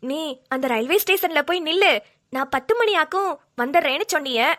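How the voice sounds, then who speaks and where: High tearful woman voicing a cartoon. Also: animated, a little fast, a bit bright. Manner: tearful, pleading, rural dialect. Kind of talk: melodramatic cartoon voice acting.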